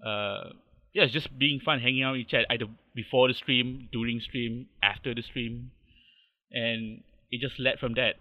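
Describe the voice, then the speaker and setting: A man's voice: mid-range voice, fairly even intonation, moderate pace, phone-quality sound. A man in his thirties with a Malaysian accent, a podcast guest talking in a hesitant, modest way with many fillers. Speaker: podcast guest, fan artist. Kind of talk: casual interview chat.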